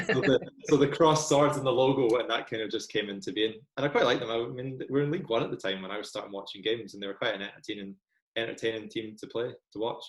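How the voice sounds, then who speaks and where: A man's voice: mid-range voice, fast, reverberant, poor audio. A young Scottish man talking casually as a podcast guest, chatty and self-deprecating with lots of ums. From Scotland. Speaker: guest football fan.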